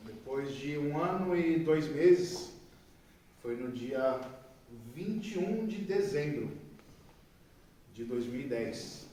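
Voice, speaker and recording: A man from Brazil stands up and tells his recovery story in plain, halting words. His voice is slightly high. He sounds far from the mic, in a strongly echoing room with light noise. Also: expressive, mellow. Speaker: audience member giving testimony.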